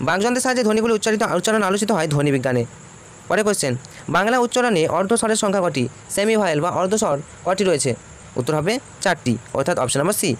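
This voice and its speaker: A man talks fast and high as he works through exam questions. He reads each question, then states and repeats the answer for students. Faint traffic noise runs behind him. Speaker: teacher.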